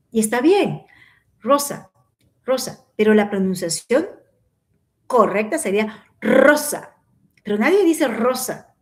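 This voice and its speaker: Slow-speaking woman teaching Spanish. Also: medium pitch, a little mellow. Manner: explanatory, demonstrates pronunciation by repeating words slowly. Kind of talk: live-stream language lesson.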